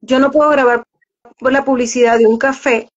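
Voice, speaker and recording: Lady chatting in an interview, kinda high voice, dull lo-fi sound, repeats words a lot. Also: steady tone, normal speed. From Venezuela. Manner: explanatory, repeats words while searching for them. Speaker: voice actress and journalist, guest. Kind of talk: casual interview chat. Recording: dull lo-fi audio.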